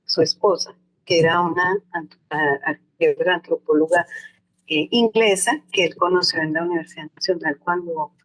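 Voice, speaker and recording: An older woman who is an anthropologist answers interview questions thoughtfully and reflectively, often restarting and hedging as she recalls things. Her voice is medium-pitched, and the audio quality is poor.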